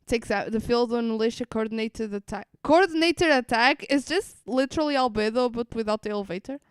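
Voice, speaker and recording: A woman streamer with a fairly high voice talks briskly and smoothly while reacting live to a game stream. She rambles and repeats phrases as she thinks aloud, and the recording is dry with clean studio sound.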